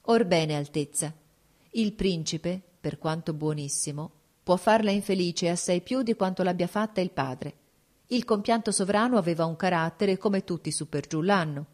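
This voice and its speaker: A woman's voice: on the low side, moderate pace, a little mellow, lightly acted. A woman reading an audiobook, voicing a shrewd, composed court duchess who speaks frankly and persuasively.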